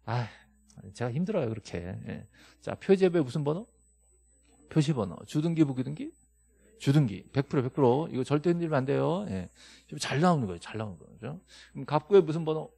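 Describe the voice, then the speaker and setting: A man's voice: on the high side, lively intonation, a little fast, vocal fry, dark tone, husky. A middle-aged man lecturing a classroom on property law, scolding and joking with his students and firing rhetorical questions at them. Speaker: real estate law instructor.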